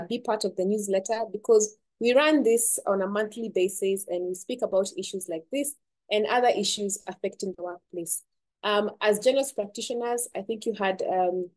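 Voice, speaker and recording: A woman hosting an online webinar. She talks steadily and fills pauses with many ums and repeated words. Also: medium pitch, darkish tone, poor audio. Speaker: webinar host.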